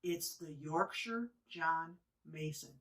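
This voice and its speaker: Here a Midwestern woman with a low, slightly bright voice takes it slowly while hosting her home cocktail show. She chats casually as she mixes drinks, rambling with plenty of fillers and asides. Her voice sits a little far from the mic.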